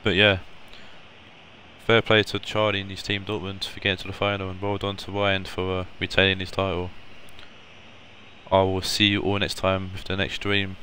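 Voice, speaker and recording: A hoarse man, excitedly calling a video game penalty shootout as a streamer hosting a tournament. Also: sits low, moderate pace, slight background noise.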